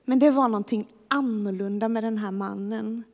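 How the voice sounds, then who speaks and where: A woman preacher telling a story in a relaxed, conversational sermon. Her voice sits fairly high, and a long reverb carries through a large hall. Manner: conversational, vivid retelling.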